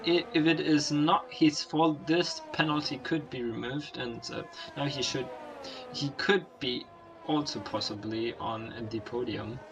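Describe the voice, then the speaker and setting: A young man co-commentating a sim-racing league race, hesitant and searching for words, then bursting into excitement at overtakes. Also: mid-range voice, a little slow. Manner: excitable, hesitant, bursts of enthusiasm at overtakes, non-native phrasing.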